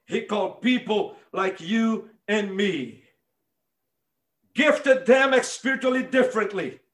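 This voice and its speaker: High-voiced Brazilian-accented male preacher. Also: animated, takes it slowly, echoey room. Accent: Brazilian Portuguese. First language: Portuguese. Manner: emphatic, building to impassioned shouts, direct address to listeners. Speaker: pastor. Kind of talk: sermon.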